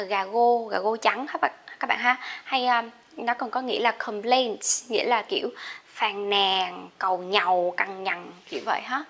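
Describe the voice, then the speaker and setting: A woman teaching English pronunciation in a chatty, encouraging way, repeating each word slowly for her learners. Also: medium pitch, vocal fry, bright, forceful tone. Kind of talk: casual online pronunciation lesson.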